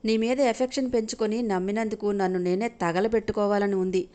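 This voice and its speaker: A woman puts on a young man boiling with rage in a storybook drama. He spits out bitter, contemptuous accusations at a middling pitch. The anger never lets up. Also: steady tone, fairly quick, close to an everyday voice. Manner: shouting angry accusations. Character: furious young man, husband, harsh and contemptuous.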